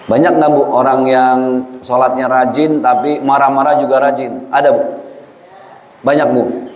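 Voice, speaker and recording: Seorang ustadz laki-laki berceramah dengan gaya santai dan jenaka sambil bercerita. Ia sering menyapa jamaah secara langsung. Suaranya bergema panjang di dalam aula besar. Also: male voice, medium pitch, fairly even intonation, normal speed, darkish tone. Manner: humorous, storytelling, often addresses the audience directly. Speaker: preacher. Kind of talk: lively sermon to a congregation. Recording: echoey hall reverb.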